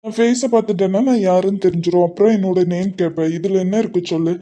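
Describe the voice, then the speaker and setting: A woman voicing a caring, earnest young man in love in a cartoon, speaking gently with a Kanyakumari Tamil accent. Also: mid-range voice, steady tone, quick pace, natural voice. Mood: tender. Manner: gentle, reassuring, soft-spoken. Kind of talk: cartoon voice acting.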